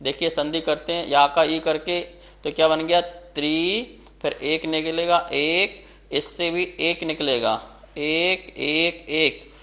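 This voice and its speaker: A man teaching a scripture lesson, reciting a verse word by word for students to repeat, then explaining it slowly. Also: fairly high pitch, steady tone, sharp tone. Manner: measured, syllable by syllable chanting of verses. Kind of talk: slow recitation lesson with call and response.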